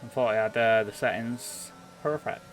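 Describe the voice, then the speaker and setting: A man delivers live play-by-play commentary on an online racing game, pausing a little as he works through the action. His voice is medium-pitched, and there's a slight hiss or hum on the recording.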